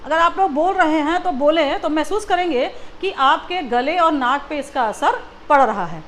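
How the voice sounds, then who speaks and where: A woman's voice: high voice, animated, normal speed, slight background noise. A woman teacher giving a Hindi lesson to young children, patiently asking and repeating questions. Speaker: school teacher.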